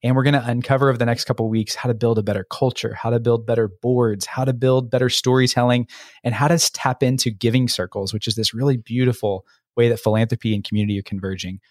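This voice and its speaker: A man's voice: mid-range voice, steady tone, fast, no echo, studio quality. An American man co-hosting a podcast in an informal, enthusiastic and conversational way. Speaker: podcast co-host.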